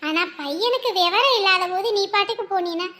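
A woman voicing an older mother-in-law who speaks gently and with worry. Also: extremely high pitch, expressive, fairly quick, full character voice. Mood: coaxing. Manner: gentle, coaxing.

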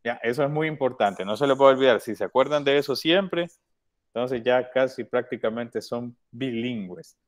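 A man's voice: mid-range voice, normal speed. A man teaching an English lesson to young children, speaking patiently and repeating words often. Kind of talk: online class instruction.

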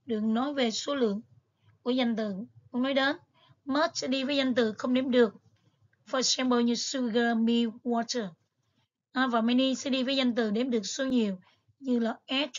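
Recorded in a muffled way, her voice is high-pitched. The woman is an English teacher leading an exam review, going over content patiently and stepwise with frequent fillers.

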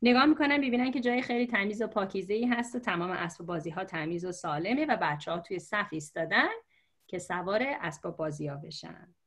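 A woman teacher telling a story to explain letters, patient and slow, with many fillers. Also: mid-range voice, a bit bright. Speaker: religious script teacher. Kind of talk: storytelling lesson for learners.

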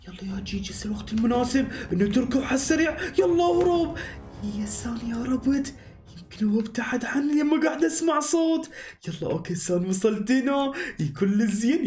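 A man voicing an excitable young hero on the run. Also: very high-pitched. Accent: Iraqi Arabic. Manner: breathless, excitable, talks to himself. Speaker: voice actor and channel host. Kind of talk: animated game-movie voice acting. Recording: echoey room with background music.

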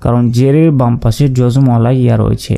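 A man with a Bangladeshi Bengali accent gives a step-by-step recitation lesson in a very warm, dark tone. His voice is smooth and resonant as he patiently spells out each letter and vowel mark, repeating every syllable. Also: medium pitch, steady tone, brisk. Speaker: Quran recitation teacher.

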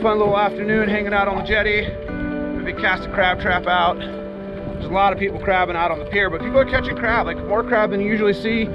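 Fishing vlogger, man in his 30s, high and easygoing, chatty on a camera outdoors with loud music under it. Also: fairly even intonation, brisk, muffled recording. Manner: easygoing, chatty, explains as he goes. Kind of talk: casual outdoor vlog. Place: rocky ocean jetty outdoors. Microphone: action camera. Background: music under the talk.

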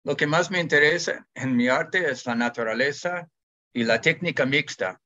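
Brief: middle-aged man, steady self-introduction, muffled lo-fi call sound. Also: a little high, moderate pace. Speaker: exhibiting artist. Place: home room. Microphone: video call, close to the camera. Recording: dull lo-fi video call audio.

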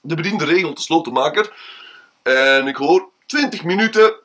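A man telling an anecdote theatrically, with drawn-out, dramatic pauses. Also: on the high side, fairly bright tone, rough recording. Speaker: storyteller. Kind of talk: told anecdote with a moral.

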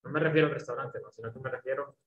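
A man's voice: medium pitch, steady tone, racing, highs cut off. Patient male teacher on a roomy call. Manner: patient, explanatory, often adds "¿verdad?" checks. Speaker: English teacher. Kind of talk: online English class explained in Spanish. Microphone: video call. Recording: roomy echo, faint background noise.

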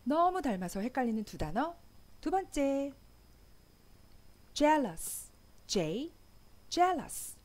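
Slow, lively woman teaching English. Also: high voice. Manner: slow, carefully enunciated example sentences. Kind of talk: language lesson. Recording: faint background music.

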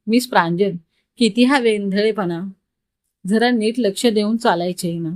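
A woman's voice: medium pitch, unhurried, a little mellow, no room sound, natural voice. A woman storyteller voicing a strict, curt young male office boss in a dry, close recording. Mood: stern. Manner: curt, scolding.

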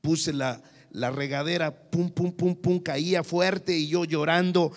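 A pastor preaches with a high, ringing voice, dropping low and then surging loud for emphasis. His words trail off into the long reverb of a church hall. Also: fairly even intonation, slow. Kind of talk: sermon.

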